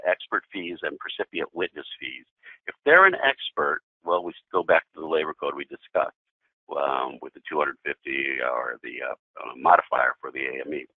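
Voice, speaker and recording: A middle-aged man, a defense attorney, lectures in a training webinar with a very deep, somewhat husky voice. He slips in dry sarcastic asides and stumbles through ums and restarts. The recording is dry and narrow, like a phone line. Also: no room sound.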